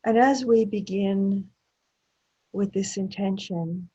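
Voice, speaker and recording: A meditation teacher, a woman with a husky, medium-pitched voice, leads a guided meditation slowly. She is gentle and unhurried, leaving long pauses between short phrases, and the audio sounds muffled.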